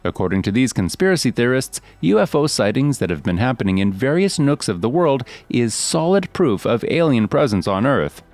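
A man narrates news from a script in a steady, read-aloud manner. His pitch moves in a lively, animated way. The voice sounds dry and close, with soft music underneath. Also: normal speed, hardly any pauses, dry recording.

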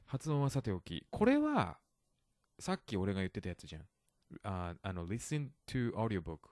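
A man's voice: lowish voice, big pitch swings, normal speed, a little mellow, no room sound, clean studio sound. A man hosting a casual podcast, explaining English words in Japanese and stopping to explain pronunciation. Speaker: podcast host. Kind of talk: bilingual casual chat. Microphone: studio podcast mic.

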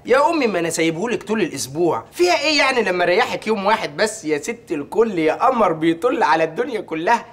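A man's voice: high-pitched, big pitch swings, very fast, hardly any pauses, a bit bright, heavily acted. An actor playing a playful grown son who teases his mother while cooking, in a comedy series.

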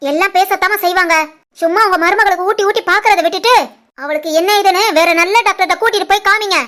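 [name], a woman doing a shrill spiteful sister-in-law. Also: steady tone, quick pace, a bit bright. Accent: Tirunelveli Tamil. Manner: taunting, accusing. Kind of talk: animated family cartoon voice acting.

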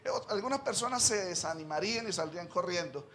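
A man who is a missionary pastor giving a sermon testimony, rising from quiet confiding talk to loud fervent preaching with frequent amens, in a church. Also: high-pitched, expressive, fast talker, slight background noise. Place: church sanctuary.

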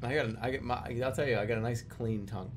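A man's voice: medium pitch, steady tone, fast talker, over loud music. A man in his thirties giving casual, rambling live-stream game commentary, joking and repeating his phrases. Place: small room at home, indoors.

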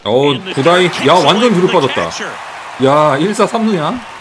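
A Korean man streaming a baseball video game, giving casual play-by-play commentary with sudden excited exclamations. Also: a little high, normal speed, a crowd in the background. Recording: game music playing behind.

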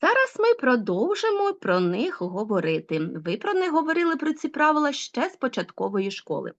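A woman teacher giving an online school lesson, explaining rules with lively, rising emphasis. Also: high voice, normal speed. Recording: dull lo-fi sound.

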